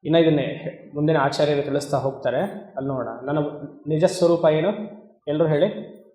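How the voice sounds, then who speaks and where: A man, a swami, giving a spiritual discourse on Vedanta, talking conversationally, asking the listeners questions and chanting Sanskrit verses slowly. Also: fairly high pitch, steady tone, dark tone, roomy sound. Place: discourse hall.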